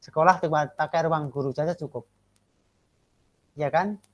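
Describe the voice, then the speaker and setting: A man lecturing trainee teachers and giving them feedback. He keeps asking for agreement and slows down to stress key words. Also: fairly high pitch, lo-fi sound.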